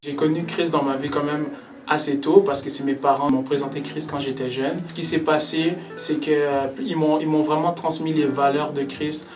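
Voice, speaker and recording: A man's voice: on the high side, little pitch movement, moderate pace. A nineteen-year-old man giving an earnest personal faith testimony, sometimes repeating words as he goes. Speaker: young church member giving testimony. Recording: distant mic with background music.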